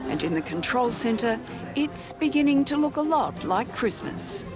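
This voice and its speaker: A woman's voice: a little high, sing-song, measured pace, over music. A woman with an Australian accent reading scripted documentary narration.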